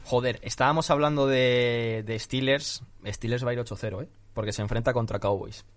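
A man hosting a casual sports podcast, running through the week's games briskly and swearing casually. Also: medium pitch, steady tone, noisy background. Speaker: podcast host.

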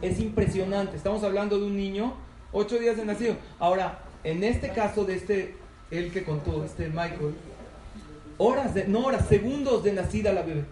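A man's voice: sits high, normal speed, dark tone. A man giving a humorous lecture to a live audience, often asking them questions. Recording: echoey hall from far off, noisy.

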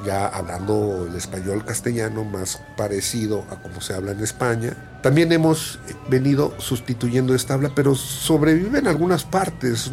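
A man's voice: medium pitch, a little mellow. A man with a Mexican accent talking in a casual monologue, musing and restarting phrases as he goes. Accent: Mexican Spanish.

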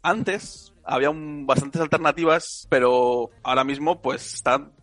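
A man's voice: medium pitch, a little slow, fairly bright tone, no echo, soft background music. A man in his twenties from Spain, a researcher answering radio interview questions with frequent hesitations and restarts. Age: 20s. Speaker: guest, researcher.

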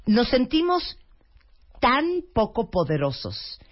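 Lively woman co-hosting a chat. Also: on the high side, slow pace. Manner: lively, animated, reads listener comments. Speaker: radio co-host. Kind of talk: casual chat on parenting. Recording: dull lo-fi broadcast sound.

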